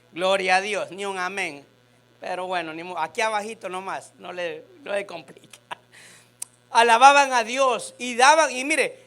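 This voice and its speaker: Bright-voiced animated male preacher. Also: very high voice. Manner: animated preaching, talks straight to the congregation. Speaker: pastor. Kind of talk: sermon. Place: church sanctuary.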